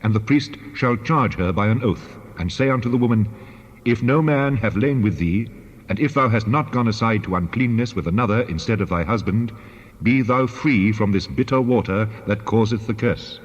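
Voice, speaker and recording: An actor playing God as a solemn, commanding deity, pronouncing law in a measured, authoritative way in a dramatized scripture reading. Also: male voice, on the low side, lightly acted. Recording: long hall reverb, dull band-limited sound.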